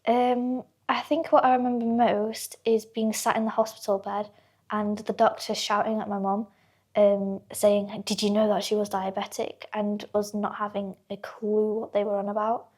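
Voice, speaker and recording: A teenage girl appears as a guest in a casual chat, telling her stories, acting out what people said, and laughing often. Her voice is mid-range and a little mellow, with a level tone and moderate pace.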